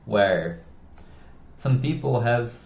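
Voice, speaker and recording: Speaking extremely slowly, a man with a medium-pitched, creaky but animated voice explains how to use your tone of voice. He's a communication coach with a casual, rambling style and a swearing habit, and the lesson's audio is roomy, dull and lo-fi.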